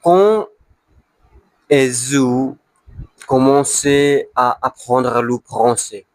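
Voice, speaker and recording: A man speaks broken, beginner French with a non-native accent, at a very slow pace. He halts to hunt for words and often repeats them, as in a casual practice monologue. His medium-pitched voice is recorded dry, with little room sound. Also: fairly even intonation, no room sound. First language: not French, a beginner learner of French. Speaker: language learner.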